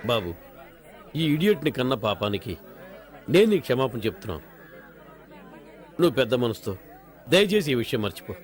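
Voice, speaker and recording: A man's voice: medium pitch, sing-song, fairly quick, pauses often, some chatter behind, lightly acted. An actor playing an anxious middle-aged father in a dubbed film, pleading and repeating his words insistently. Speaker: dubbing actor.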